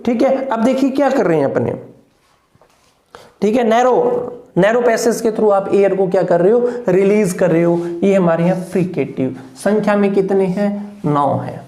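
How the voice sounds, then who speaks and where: A man teaching English phonetics in a patient, repetitive lesson, modelling each sound and often checking whether it is clear. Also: high voice, normal speed, dark tone. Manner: patient, repeats sounds, keeps asking "clear?". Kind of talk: classroom lesson explaining consonant sounds. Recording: echoey room.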